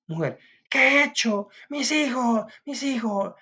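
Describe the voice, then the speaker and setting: A man's voice: a little high, fairly quick, darkish tone, pitched above the performer's own voice, close to an everyday voice. A man voicing a wronged, grieving woman from a legend in a classroom play reading, crying out in tearful pleas. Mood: anguished. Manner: tearful, pleading cries.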